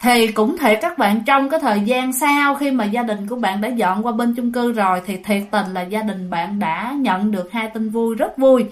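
A woman's voice: on the high side, moderate pace, hardly any pauses. A woman telling a ghost story in a chatty way, often turning to her listeners directly. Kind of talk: spoken ghost story narration.

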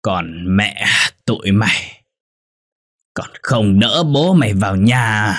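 A man voicing a drunken, violent and jealous middle-aged husband who snarls and shouts curses. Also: fairly low pitch, lively intonation, takes it slowly, dry recording, studio quality. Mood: drunken bellowing.

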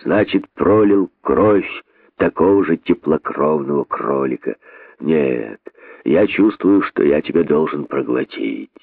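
A man's voice: very deep voice, animated, a little slow, creaky, no room sound, voice pushed down, exaggerated voice. An actor reading an audiobook, voicing a hateful old male boa who talks in a heavy, brooding, hissing way, on tinny phone-like audio.

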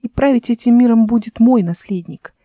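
A woman's voice: on the high side, fairly quick, warm tone, no echo, studio quality, close to an everyday voice. A woman voicing a scornful, scheming immortal young woman in a fantasy audiobook, in a mocking tone.

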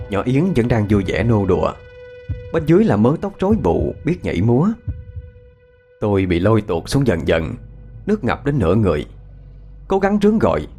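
A man's voice: lowish voice, dark tone. A man narrating a scripted ghost story in a dramatic, suspenseful way.

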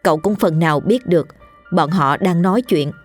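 A woman narrating a ghost story in a steady, measured scripted reading. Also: fairly low pitch. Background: faint music.

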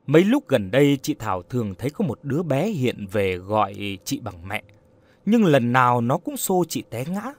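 A man voicing an earnest young woman in an audio story, asking in a soft, polite, coaxing way. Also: mid-range voice, big pitch swings, normal speed. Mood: gently probing.

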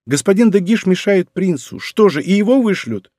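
A man's voice: high voice, sing-song, normal speed, dark tone, no echo, clean studio sound, pitched above the performer's own voice. A man voicing a proud young princess in an audiobook, pleading and slightly mocking. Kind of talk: audiobook character reading.

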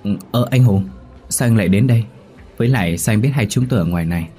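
A man's voice: fairly low pitch, fast, dark tone, soft background music, natural voice. A man voicing a worried young woman who calls out urgently to her friend, in a horror story reading. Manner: urgent, calling out.

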